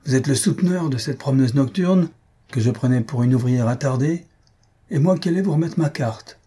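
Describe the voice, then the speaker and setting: A man's voice: medium pitch, a little fast, warm tone, breathy edge, voice pushed up, lightly acted. A man doing a sneering young gallant. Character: scornful young gallant, arrogant. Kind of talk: audiobook reading.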